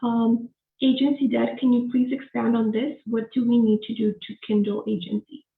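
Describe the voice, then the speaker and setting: A woman moderates an online question session and reads questions out from the chat. Her voice is somewhat high with a gravelly edge. The sound is tinny and phone-like, in an echoey room. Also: flat delivery, normal speed. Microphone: video call.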